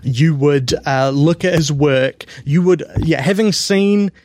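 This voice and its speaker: A man's voice: on the high side, slow pace, a little mellow. A man co-hosting a film podcast, chatting casually in a rambling, jokey way with frequent restarts. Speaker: podcast co-host.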